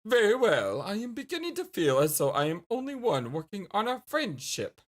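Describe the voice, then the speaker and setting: Woman doing a stiff, deadpan alien troll. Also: mid-range voice. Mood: dry. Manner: deadpan, formal, measured.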